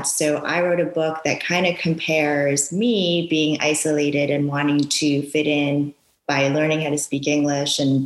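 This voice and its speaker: Low-voiced woman, echoey room. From Japan, raised in New York. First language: Japanese. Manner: earnest, halting, many ums. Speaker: guest author, parent. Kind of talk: casual interview.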